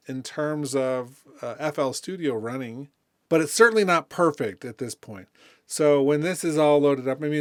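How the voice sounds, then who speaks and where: In a casual, unscripted tutorial on music software, a man thinks aloud conversationally while demonstrating. His voice is on the high side, and the recording is clean studio sound with no room noise.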